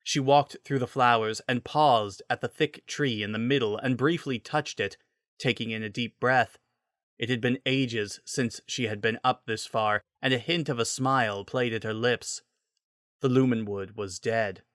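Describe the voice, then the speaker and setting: A man's voice: mid-range voice, steady tone, measured pace, fairly bright tone, dry recording, studio quality. A man reading a scripted story as its narrator, in a dramatic style.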